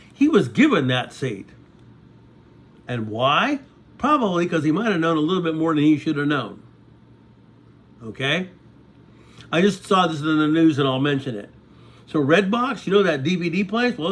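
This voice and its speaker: In a loose, rambling monologue, a vlogger in his sixties chats with his viewers and keeps stopping to check in with "okay?". He talks conversationally in a fairly high-pitched voice with a fairly bright tone.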